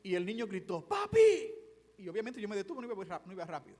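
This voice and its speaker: High-voiced pastor preaching in a hall. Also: male voice, rapid-fire. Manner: shifts between quiet storytelling and fervent preaching. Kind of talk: evangelistic sermon. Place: church sanctuary. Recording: long church hall reverb.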